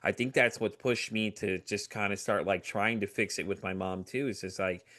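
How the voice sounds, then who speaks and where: A middle-aged man talking candidly as a podcast guest, animated, with frequent fillers and voices for people he quotes. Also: lowish voice, moderate pace. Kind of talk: candid conversational storytelling.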